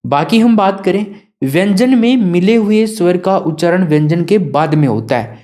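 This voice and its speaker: Mellow-voiced Hindi teacher. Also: male voice, high voice, lively intonation, moderate pace. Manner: asks students questions and answers them himself. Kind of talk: classroom lesson.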